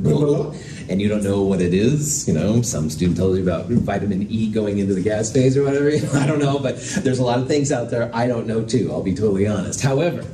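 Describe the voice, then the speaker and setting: A man lecturing as a professor in a lecture hall, explaining things in a casual, self-deprecating way. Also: fairly low pitch. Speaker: chemistry professor. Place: indoor lecture hall with projector screen and chalkboard. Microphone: distant from the speaker. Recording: roomy lecture hall, distant mic, noisy.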